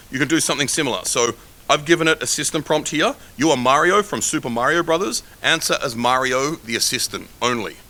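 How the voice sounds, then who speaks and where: A man's voice: mid-range voice, pushed and bright. A man teaching a live coding workshop in a casual, joking way with rambling asides. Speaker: workshop instructor.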